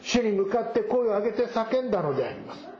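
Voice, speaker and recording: A man with a high voice preaches a sermon, reading scripture aloud and then explaining it. The sound is roomy and slightly dull. A faint ambience sits behind him. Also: very animated, fast talker. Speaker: pastor.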